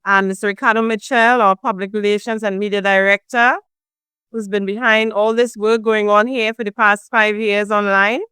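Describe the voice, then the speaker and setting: A woman hosting a program, effusive and warm, thanking family and sponsors. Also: mid-range voice, steady tone, moderate pace, clean tone, no echo, clean studio sound. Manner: warm, effusive, repeats "amazing". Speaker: foundation founder hosting a program. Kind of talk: welcoming host remarks.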